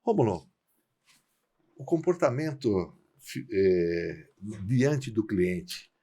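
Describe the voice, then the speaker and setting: Husky older Brazilian podcast host. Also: male voice, on the low side, big pitch swings, warm tone. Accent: Brazilian Portuguese. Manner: rambling, thoughtful, halting. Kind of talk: casual podcast conversation.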